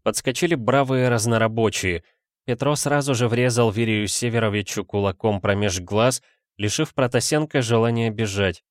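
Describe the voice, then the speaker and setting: A man's voice: lowish voice, moderate pace, no echo. Man narrating an audiobook, dry sound. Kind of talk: scripted narration.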